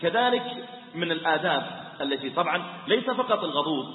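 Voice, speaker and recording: A man preaching a sermon, animated as he tells stories and mimics the people in them. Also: a little high, fairly quick. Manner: animated storyteller, mimics the voices in his stories. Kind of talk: sermon with acted-out anecdotes. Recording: roomy hall, phone-like thin sound.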